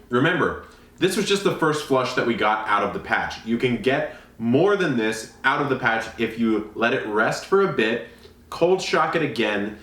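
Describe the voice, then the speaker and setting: A man's voice: medium pitch, fairly bright tone, reverberant, recorded from a distance. A man hosting a gardening channel, chatting easygoingly on camera while tasting food. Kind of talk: casual on-camera chat.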